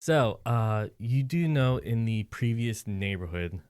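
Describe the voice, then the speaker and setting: A man's voice: mid-range voice, lively intonation, takes it slowly, darkish tone, smooth, no echo, clean studio sound. A man narrating as game master, rambling with filler words and restarts.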